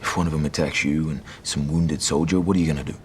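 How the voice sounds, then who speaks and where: Deep-voiced stern army officer. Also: male voice, fairly even intonation, quick pace, crowd noise. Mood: earnest persuasion. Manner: dry, sardonic, authoritative. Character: stern, sardonic male army officer, exasperated with a recruit. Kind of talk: war film acting. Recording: film audio with faint ambient noise.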